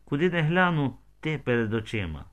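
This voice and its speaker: A man voicing a grown village man who speaks softly and tenderly, soothing a frightened girl in an audiobook. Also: medium pitch, big pitch swings, a little fast, highs cut off, voice pushed up, close to an everyday voice. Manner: soft, hushed, soothing.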